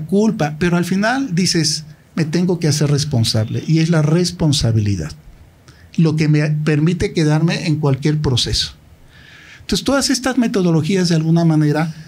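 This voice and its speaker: A man's voice: on the high side, a little mellow, breathy edge. A middle-aged man with a Mexican accent speaking at a university talk, telling his own story candidly and directly and acting out past conversations. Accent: Mexican Spanish. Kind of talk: personal storytelling in a public talk.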